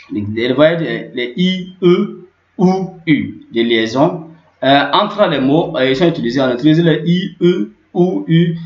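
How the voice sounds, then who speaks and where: A man giving a spoken language lesson, repeating each word many times with lots of fillers and "ok". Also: medium pitch. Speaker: language teacher. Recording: echoey lo-fi room recording.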